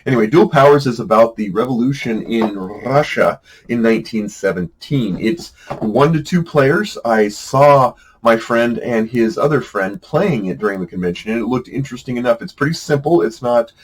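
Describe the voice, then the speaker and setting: A man's voice: mid-range voice, lively intonation, normal speed, hardly any pauses, husky, low-quality recording. A middle-aged man hosting a casual talk about board games, chatty and wry, with lots of "uh"s and restarts. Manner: chatty, wry, self-deprecating, with frequent fillers and restarts. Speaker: board game show host.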